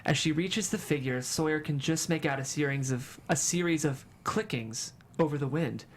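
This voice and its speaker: At a table read, a narrator with a medium-pitched voice reads a screenplay's stage directions as dramatic storytelling, moving scene by scene. The pace is normal, and there's a little hiss or hum on the recording.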